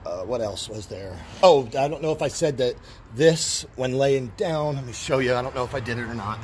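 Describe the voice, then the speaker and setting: A man's voice: medium pitch, a little fast. Rambling middle-aged man, noisy outdoors. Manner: rambling, with restarts and fillers. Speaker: seller showing a machine. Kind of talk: casual walkthrough.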